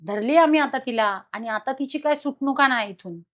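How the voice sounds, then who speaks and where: A woman's voice: high-pitched, a little fast, a bit bright. A woman voicing a possessed young woman who speaks in a man's voice and taunts her mother. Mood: menacing taunt. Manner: menacing, taunting.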